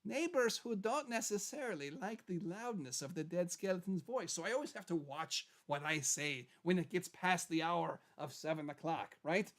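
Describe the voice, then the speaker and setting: A talkative skeleton played by a man hosts a casual livestream in a high-pitched character voice. He rambles along and repeats his phrases for emphasis, like a puppet show host chatting with fans. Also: animated, moderate pace, few pauses, a bit bright. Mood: chatty, upbeat.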